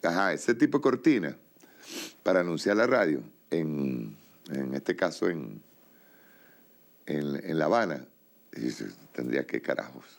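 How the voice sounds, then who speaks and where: A middle-aged male TV host with a very low, gravelly voice. He delivers a rambling, emphatic political monologue, full of restarts and repetitions. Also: expressive, unhurried, pauses often. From Venezuela. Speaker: TV show host.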